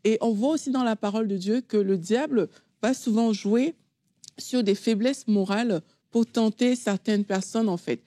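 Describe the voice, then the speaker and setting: Mellow-voiced woman explaining faith. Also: a little high, moderate pace, no echo. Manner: calm, explanatory, with fillers. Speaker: co-host.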